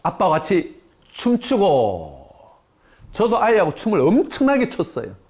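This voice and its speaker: A man's voice: sits high, wildly swooping pitch, a little slow, darkish tone. A man giving a lecture on parenting, posing questions to the audience and answering them himself, acting out quoted speech along the way.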